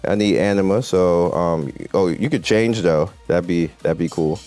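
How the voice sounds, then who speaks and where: The host of a mobile game video channel speaks in a low-pitched, darkish voice at normal speed. He gives casual, emphatic gameplay commentary, repeating his points as he talks to viewers and developers. Music plays in the background.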